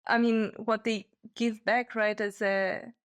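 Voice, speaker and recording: Speaking slowly in a fairly high voice with little pitch movement, this Italian-speaking Swiss woman laughs a lot and stays cheerful throughout. She is a technical diver appearing as a guest on a laid-back podcast interview, and laughter fills the gaps between her sentences.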